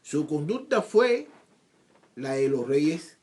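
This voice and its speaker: A man's voice: fairly high pitch, very animated, slow, darkish tone. A man teaching scripture, reading verses aloud and explaining them in his own words, often repeating himself and asking rhetorical questions. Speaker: Bible teacher.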